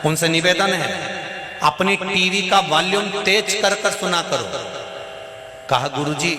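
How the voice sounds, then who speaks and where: Echoing preacher, Malwa-accented man. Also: sits high. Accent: Malwa Hindi. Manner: lively, teasing, bursts into sung lines. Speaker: preacher telling a scripture story. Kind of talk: devotional sermon to a large crowd. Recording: echoey hall with long reverb.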